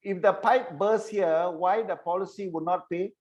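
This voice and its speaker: A man's voice: high-pitched, normal speed, a little mellow, highs cut off. A man teaching an online insurance training session, repeating key points and checking that listeners follow.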